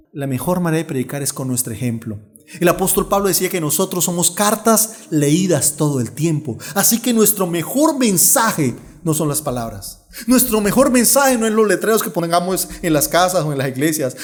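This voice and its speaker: A middle-aged man, a pastor preaching a sermon and telling stories with lively acted-out dialogue. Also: on the high side. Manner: animated storyteller, acts out dialogue.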